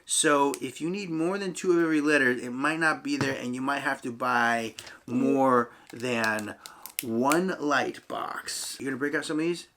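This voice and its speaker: A man's voice: mid-range voice, a little slow, bright, forceful tone, a little hiss or hum. A man hosting a casual family unboxing video, patiently explaining each step and talking straight to the viewers. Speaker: channel host and parent.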